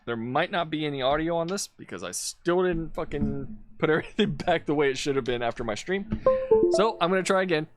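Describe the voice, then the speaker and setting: A man's voice: on the high side, lively intonation, fairly quick, music in the background. A man giving casual commentary over video clips, blunt and profane, ranting with exasperation. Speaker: political commentator.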